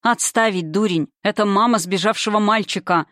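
A woman's voice: medium pitch, moderate pace, fairly bright tone, no room sound, studio quality, close to an everyday voice. A woman voicing a curt, growling male doctor in an audiobook. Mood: dry. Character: stern gruff male hospital doctor.

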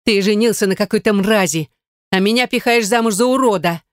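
A desperate, scheming young woman squeals and shrills her lines in a raised, piercing pitch, as a woman reader puts her on. Jealous and frantic, she pleads one moment and accuses the next. It is an audiobook character voice, recorded close and dry. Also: lively intonation, moderate pace, no room sound, natural voice. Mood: shrill accusing.

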